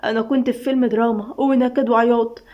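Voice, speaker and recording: A woman's voice: a little high, fairly even intonation, fast talker, lightly acted. Woman doing a dramatic Egyptian young wife. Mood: teasing. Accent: Egyptian Arabic. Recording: dull lo-fi recording.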